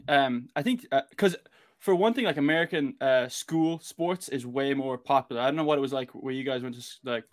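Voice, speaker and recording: A man from Galway with a west of Ireland accent, talking informally and rambling a little as a guest on a casual podcast. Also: mid-range voice. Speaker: interview guest, American football player.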